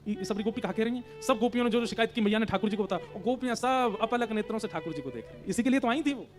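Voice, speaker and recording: A man tells a devotional story in an animated way, chanting verses now and then. His voice is high, and a faint instrument plays behind him. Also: very fast, soft background music.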